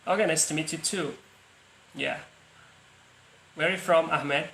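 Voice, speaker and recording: A young Indonesian man from Palu, Central Sulawesi, hosts a casual practice video call, speaking a little slowly in a higher, gravelly voice with a sharp tone. He sounds hesitant, keeps restarting, and laughs easily. The audio is reverberant, with a faint hiss or hum.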